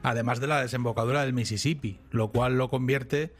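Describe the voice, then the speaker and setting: A chatty podcast co-host from Spain rambles through an animated story, restarting his sentences as he goes. His voice is medium-pitched and fairly quick, and the talk is casual chat.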